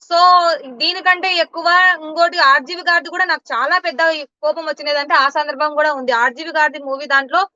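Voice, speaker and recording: A woman's voice: sits high, steady tone, brisk, bright, forceful tone, no echo, highs cut off. A woman giving blunt, indignant answers in an interview. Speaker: interview guest.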